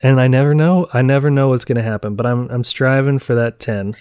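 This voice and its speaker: Playful podcast co-host, dry close sound. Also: male voice, mid-range voice, steady tone, a little mellow, smooth, no room sound. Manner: playful, quick to laugh. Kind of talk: casual chat.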